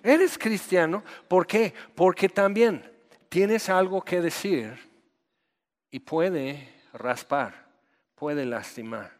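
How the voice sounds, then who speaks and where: A man's voice: on the high side, extremely slow, in a large hall. A man from the United States with an American accent, preaching a direct, conversational sermon in Spanish as a pastor and acting out quoted dialogue.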